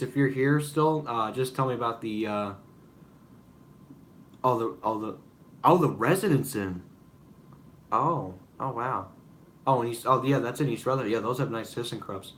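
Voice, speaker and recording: A man's voice: medium pitch, fairly bright tone, slight background noise. A young man hosting a casual live-stream Q&A, rambling with many fillers and apologies. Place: room at home with noise behind.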